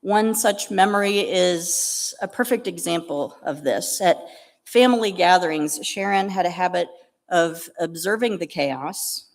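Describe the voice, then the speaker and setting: A middle-aged woman pastor giving a memorial eulogy, telling stories with gentle humor. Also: mid-range voice. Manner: warm storytelling with gentle humor. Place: church sanctuary. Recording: long reverb of a church hall.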